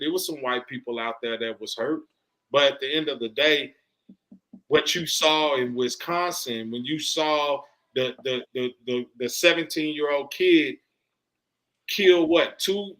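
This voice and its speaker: A man's voice: mid-range voice, bright, forceful tone, poor audio. A man hosting a podcast, delivering an impassioned, emphatic soapbox monologue in casual, slangy, profane speech, often repeating himself for emphasis. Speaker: podcast host.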